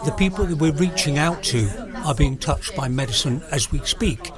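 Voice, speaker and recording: At a radio party, amid the crowd chatter of a busy room, a South Walian man in his 60s gives an earnest, casual interview on hospital radio in his Welsh accent. He speaks at a normal speed in a fairly high, animated voice.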